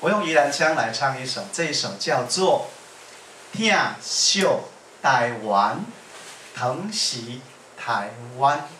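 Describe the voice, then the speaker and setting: A man from Yilan, Taiwan, with a Taiwanese accent, talking to an audience between songs in warm, repetitive, build-up phrases with small laughs. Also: medium pitch, expressive, measured pace. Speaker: singer and speaker. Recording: echoey room, far from mic, faint noise.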